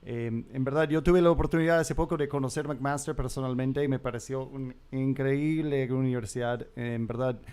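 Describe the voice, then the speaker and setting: A man's voice: mid-range voice, fairly even intonation, quick pace, few pauses, a little mellow, smooth. A man hosting an online university fair, introducing a guest in a hesitant way that repeats phrases. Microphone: video call.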